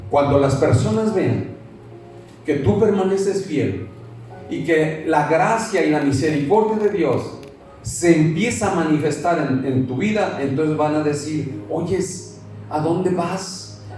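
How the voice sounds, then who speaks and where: A man's voice: a little high, lively intonation, unhurried, a little mellow. A male pastor preaching fervently to his congregation, asking them questions as he goes. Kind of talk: sermon. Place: church. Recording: echoey church from far off, faint music.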